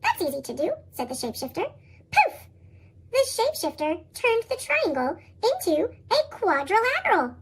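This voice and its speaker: A storybook reader whose voice runs through a chipmunk effect, squeaky and sky-high. The reading hops up and down in a lively sing-song and bounces through rhyming verse. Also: moderate pace. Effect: sped-up, high chipmunk-style pitch shift. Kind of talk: reading picture books aloud.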